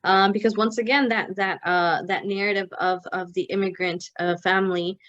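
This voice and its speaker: Guesting on an interview in Mexico City, a young co-founder from the United States rambles casually, restarting often, using lots of fillers, and slipping in Spanish words. She speaks at a moderate pace in a mid-range, fairly bright voice with fairly even intonation, and the highs in the audio are cut off.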